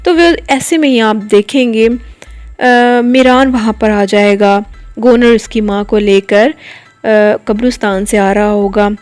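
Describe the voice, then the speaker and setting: A woman with a voice on the higher side tells her viewers what happens in a drama episode. She narrates steadily, stops now and then on a hesitation, and keeps the story moving. Soft music plays faintly underneath. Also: fairly even intonation, measured pace. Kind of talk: plot retelling to viewers.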